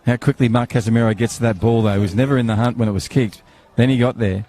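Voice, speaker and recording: A chatty man calling a football match live from an outdoor ground. His voice sits at a middling pitch, and he rambles easily between play-by-play and friendly banter with his co-commentator. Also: fairly even intonation, quick pace, warm tone.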